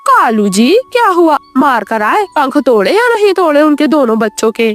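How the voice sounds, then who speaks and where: A woman's voice: sits high, sing-song, moderate pace, soft background music. A woman voicing a lazy, spiteful female crow who bosses her husband around in a cartoon. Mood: irritated. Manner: bossy, complaining.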